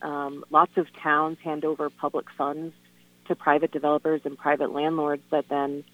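A woman speaking over the phone as a guest on a call-in radio show, earnest and halting, with lots of "um" and "you know". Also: low-pitched, flat delivery, no room sound. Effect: heard over the phone. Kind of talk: casual radio phone interview. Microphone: telephone. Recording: tinny, dry phone line.

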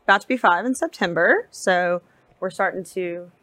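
A woman in her thirties, a real estate agent and mother chatting on a podcast in a talkative, animated way. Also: on the low side, normal speed, no room sound. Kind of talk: casual podcast conversation.

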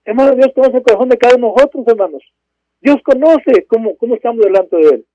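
High-voiced fervent male preacher. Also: fast, dark tone, dry recording. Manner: fervent, repeats "hermanos" and bursts of "gloria a Dios, aleluya". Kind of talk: sermon. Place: at home. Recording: dull, dry lo-fi recording.

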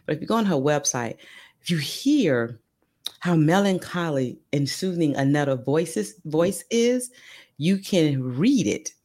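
Woman, podcast host, low voice, emphatic, animated casual chat. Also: measured pace.

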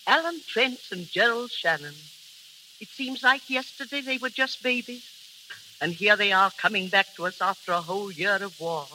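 A woman's voice: medium pitch, normal speed, bright, forceful tone, close to an everyday voice, rough recording. An actress playing a kindly old English grandmother in a 1930s radio drama, on a hissy old broadcast. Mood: fond, wistful.

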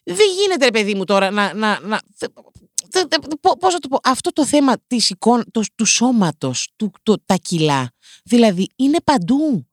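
A woman's voice: on the high side, big pitch swings, no room sound, clean studio sound. A woman hosting a podcast, delivering a comedic, sarcastic rant straight to her listeners, swearing casually and poking fun at herself. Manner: self-mocking, addresses listeners directly. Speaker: podcast host.

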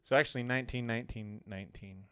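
A man's voice: mid-range voice, fairly even intonation, fast talker, sharp tone, clean tone, no echo. A man co-hosting a casual chat with dry, teasing sarcasm. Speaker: podcast co-host.

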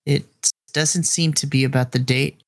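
A man's voice: medium pitch, fairly even intonation, moderate pace, vocal fry, no room sound. A man narrating a tabletop game as game master, speaking to the player in second person.

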